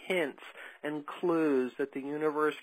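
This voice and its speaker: A woman's voice: low-pitched, steady tone, a little slow, no room sound, rough recording. A woman hosting a spiritual podcast interview, talking in an earnest, emphatic way. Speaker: podcast host.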